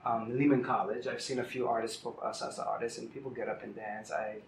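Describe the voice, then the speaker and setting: A man's voice: medium pitch, steady tone, a little fast, vocal fry, slight background noise. A middle-aged man from Puerto Rico tells his story in an easy, reflective way, as a guest on an interview show. He speaks outdoors in the city. The sound is roomy, with faint ambience behind him. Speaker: salsa singer, guest. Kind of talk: casual interview.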